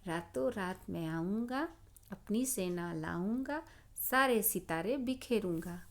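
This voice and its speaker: A woman's voice: medium pitch, animated, takes it slowly. Brief: woman playing a boastful mischievous boy mouse for a children's story, cheeky and sing-song. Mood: taunting chant. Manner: sing-song threatening chant, cheeky demands.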